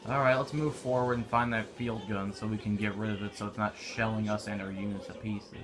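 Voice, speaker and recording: A man's voice: lowish voice, fairly even intonation, fairly quick, crowd noise. A young man giving casual, offhand commentary while playing a war video game. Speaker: gameplay commentator. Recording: noisy game audio behind.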